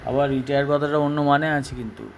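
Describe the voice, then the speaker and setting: A man with a Bengali accent teaching an English lesson, explaining each word slowly and spelling out syllables. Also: a little high, fairly even intonation, slight background noise, low-quality recording. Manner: slow, deliberate, spells out words and syllables.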